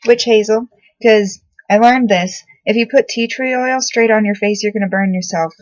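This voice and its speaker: A woman's voice: medium pitch, steady tone, moderate pace, a little mellow, dry recording. A young woman casually chatting through her skincare and makeup routine in her bedroom, rambling and swearing offhandedly. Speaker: beauty vlogger. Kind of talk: casual makeup tutorial chat. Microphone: laptop built-in mic. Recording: dull dry laptop mic audio.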